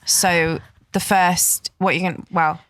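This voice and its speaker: A young woman in her twenties hosting a podcast with upbeat, encouraging chat. Her voice sits on the low side but sounds sharp and bright. The studio sound is dry and close. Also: fairly even intonation, slow pace, no echo. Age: 20s. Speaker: podcast host. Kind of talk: casual chat.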